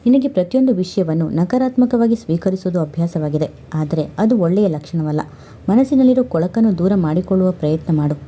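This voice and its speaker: A patient young husband who answers slowly and gently, played by a woman storyteller. The voice is low, dark and husky, the words unhurried and measured. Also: natural voice. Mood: calm. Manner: slow, measured and soft.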